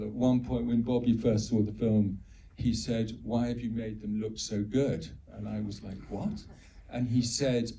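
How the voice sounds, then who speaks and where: A man raised in Uganda speaks as a guest co-director at a screening, earnest and emphatic, doubling words to press a point. His voice is dark and mellow, sitting a little away from the mic, with faint noise behind it in a venue full of audience. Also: fairly low pitch, far from the mic, low-quality recording. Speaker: film co-director, panel guest. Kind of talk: post-screening Q&A answers. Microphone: handheld mic held too far off.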